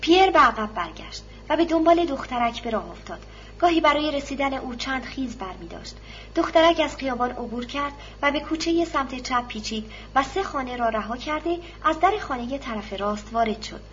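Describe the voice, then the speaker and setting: A woman narrating a novel in a steady, formal reading style. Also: sits high. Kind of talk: audiobook narration. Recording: slightly dull recording, faint hiss.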